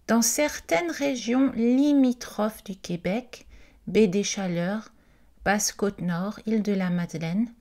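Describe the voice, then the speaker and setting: A woman's voice: medium pitch, slow pace, darkish tone. A woman reading an informational presentation aloud, carefully and with the odd hesitant aside. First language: not Quebec French.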